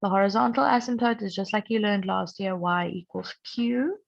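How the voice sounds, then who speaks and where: A young woman maths teacher who is sick and strained, patiently explaining a recorded lesson and clearing her throat often. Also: mid-range voice, normal speed. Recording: dull lo-fi recording.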